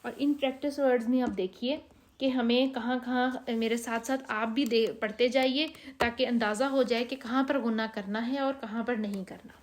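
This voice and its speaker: A woman with a Pakistani Urdu accent leads a recitation lesson in a slightly high voice. She explains each rule patiently, then reads the practice words slowly and stretches them out. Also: fairly even intonation. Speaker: Quran reading teacher.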